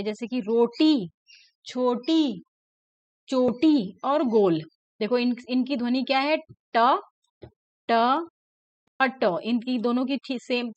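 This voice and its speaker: Woman teacher, patient and repetitive, fairly high voice, lo-fi dry sound. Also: dry recording. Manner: patient, repeats words slowly and checks in with "ठीक है ना". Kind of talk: classroom lesson explaining a textbook.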